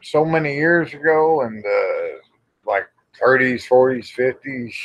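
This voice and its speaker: Hosting a casual livestream, a middle-aged or older American man rambles along slowly in a medium-pitched voice. He is plain-spoken and folksy, tossing in mild cussing, and the audio is dull and lo-fi.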